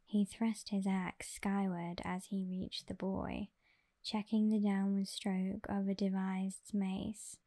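Female ASMR reader, whispered close-mic delivery, flat and steady, unhurried pace. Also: mid-range voice. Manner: soft and even, unhurried.

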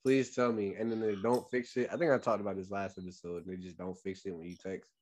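A man's voice: deep voice, level tone, fast talker, a little mellow. A man chatting casually as a podcast co-host, blunt and emphatic, repeating phrases for effect. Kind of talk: casual chat.

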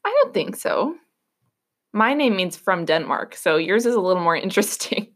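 Teasing young woman, animated voice. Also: mid-range voice, moderate pace. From Georgia, USA. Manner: teasing, dry quips. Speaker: co-host, best friend. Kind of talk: casual chat.

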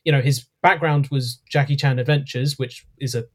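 A man's voice: mid-range voice, fairly even intonation, moderate pace, breathy edge. A man co-hosting a podcast, reviewing an episode in casual chat, hesitant with many ums and self-corrections. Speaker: podcast co-host.

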